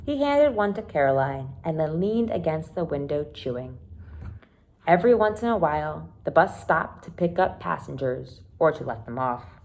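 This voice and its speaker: A woman whose voice sits low, creaky and darkish, with big pitch swings and normal speed, reads a children's chapter book aloud as a teacher would. It is expressive read-aloud storytelling, broken up by brief asides that explain things to young listeners.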